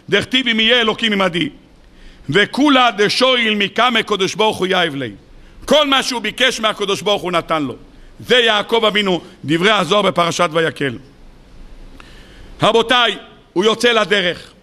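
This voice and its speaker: Rabbi, sermon delivery, bright high voice, lively rhetorical questioning. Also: male voice. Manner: animated, rhetorical questions to the audience. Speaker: rabbi preaching on the weekly portion.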